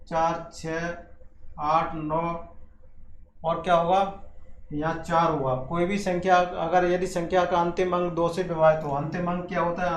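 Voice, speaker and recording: A man teaching a lesson, with mixed in, often repeating points and asking questions he then answers himself. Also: sits high. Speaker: maths teacher. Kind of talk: classroom maths lesson. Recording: echoey room with faint background hiss.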